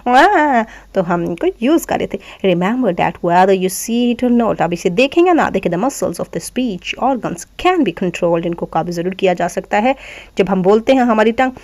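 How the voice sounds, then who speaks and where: A woman teacher giving a phonetics lesson. She reads English lines slowly and deliberately, then explains them in quick conversational asides and demonstrates the sounds aloud. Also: medium pitch, animated, darkish tone. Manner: demonstrates sounds aloud, addresses listeners as "janab".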